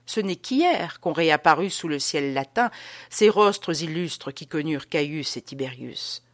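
A woman reading as pompous lecturing gentleman. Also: sits low, animated, a little slow, dry recording. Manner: emphatic, rhetorical questions. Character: pompous man lecturing on souls.

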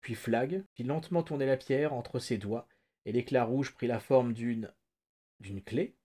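A man, a podcast host, reading a novel excerpt aloud in a measured, steady narration. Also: mid-range voice.

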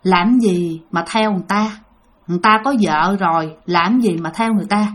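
A woman's voice: fairly low pitch, moderate pace, fairly bright tone, pitched below the performer's own voice, close to an everyday voice. A woman voicing an older female spirit healer who speaks firmly and coaxingly. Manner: firm, coaxing.

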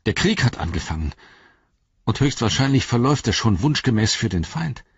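A man's voice: medium pitch, very animated, moderate pace, breathy edge, dry recording, lo-fi sound, pitched above the performer's own voice, full character voice. Man doing Sam Gamgee, anguished hobbit. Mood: resolving. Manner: desperate, pleading, arguing with himself. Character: anguished loyal young male hobbit servant.

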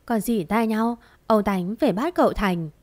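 A woman narrating a dramatic story in a steady, expressive reading voice. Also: mid-range voice, unhurried.

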